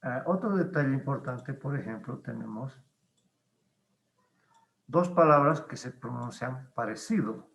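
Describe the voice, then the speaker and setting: Slow, gravelly teacher. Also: male voice, medium pitch, expressive, fairly bright tone, reverberant. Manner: patient, explains slowly with many pauses and fillers. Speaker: English teacher. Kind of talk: online class explanation.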